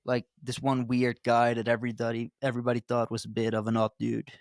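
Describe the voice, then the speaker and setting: A man's voice: medium pitch, monotone, fast, no echo, clean studio sound. A man co-hosting a podcast, asking friendly, chummy questions in casual chat. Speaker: podcast co-host.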